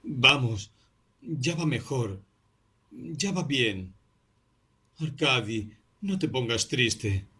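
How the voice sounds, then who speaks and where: A man voicing a dazed, feverish young clerk who speaks slowly, vaguely and mysteriously. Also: mid-range voice, lively intonation, bright, forceful tone, breathy edge, voice pushed up, full character voice.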